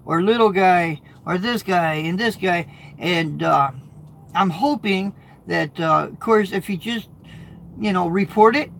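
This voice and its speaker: A truck driver and video host, a middle-aged American man, talks casually from his truck as he reads comments, rambling and restarting sentences and repeating words. His voice is high, gravelly and fairly bright. The poor audio has a little hiss or hum.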